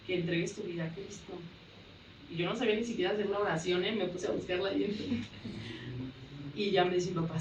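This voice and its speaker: A woman's voice: mid-range voice, slight background noise. A middle-aged woman tells her personal faith testimony, acting out the dialogue as she goes. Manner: storytelling that acts out the dialogue. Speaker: church member giving testimony. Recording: roomy sound from a distant mic.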